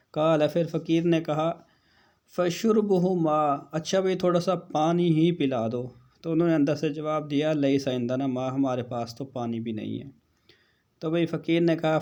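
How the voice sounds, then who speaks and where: A man teaching an Arabic textbook lesson, reading each Arabic line slowly and then explaining it in Urdu with casual teacherly asides. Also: on the high side, dark tone. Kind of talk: lecture reading and translating Arabic text.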